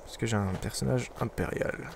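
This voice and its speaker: A man's voice: mid-range voice, moderate pace, vocal fry, background noise. A man giving casual, wry running commentary while playing a video game, muttering asides to himself. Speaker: let's play gamer.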